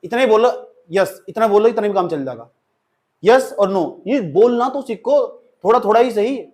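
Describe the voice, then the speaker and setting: An English teacher with an Indian accent lectures a class, mixing Hindi with English and acting out example sentences. His high-pitched voice is animated and a little mellow, at a normal speed.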